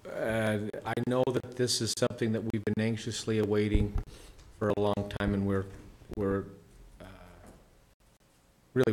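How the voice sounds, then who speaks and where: Low-voiced man chairing a meeting. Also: darkish tone, slight background noise. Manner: procedural, halting with fillers. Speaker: commission chair.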